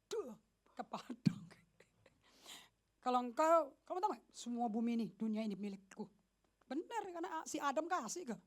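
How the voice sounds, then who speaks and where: Animated high-voiced woman pastor preaching. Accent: Indonesian. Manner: animated, mixes English phrases, jokes with the congregation. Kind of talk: lively sermon. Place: church service.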